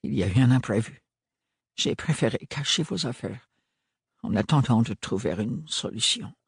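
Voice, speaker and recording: A man voicing a timid, soft-spoken young man, a son who talks hesitantly and in a murmur. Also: medium pitch, expressive, moderate pace, creaky, husky, dry recording, studio quality, heavily acted. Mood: earnest.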